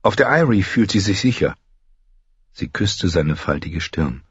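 A man reading the lines of a proud noblewoman speaking gently yet firmly to her dying father, in an audiobook. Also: low voice, very animated, measured pace, slightly rough, no echo, dull audio, voice pushed up, heavily acted. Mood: earnest. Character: proud grown daughter, noblewoman.

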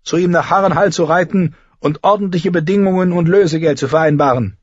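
A man's voice: a little high, a little fast, slightly rough, no echo, highs cut off, pitched above the performer's own voice. A man voicing a sly, weaselly older knight who talks in a wheedling way.

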